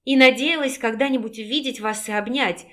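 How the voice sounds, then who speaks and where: A gentle, loving young woman whose soft voice trembles with worry and tears, as a woman reading the story puts her on. The tone is fairly high, close to the reader's own voice, in audiobook narration. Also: fairly quick, lightly acted. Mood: anxious, tearful. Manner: soft, tearful and anxious.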